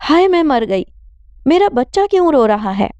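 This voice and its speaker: A woman voicing a fierce, doting mother who wails and scolds in a sharp-tongued way. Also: on the high side, smooth, dry recording, dull audio, natural voice. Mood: shrill, outraged. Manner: wailing, cursing, sharp-tongued.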